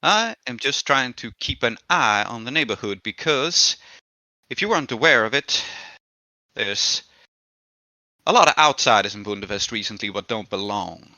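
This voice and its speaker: A man's voice: mid-range voice, expressive, moderate pace, sharp tone, no echo, low-quality recording. A man voicing a cocky, streetwise woman who defends her turf with brash, folksy slang in a tabletop game. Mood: wary, defiant.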